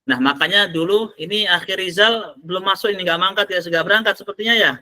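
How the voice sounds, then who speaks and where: A man's voice: high-pitched, quick pace, pushed and bright. A man teaching an online Arabic class, quizzing students and praising their answers.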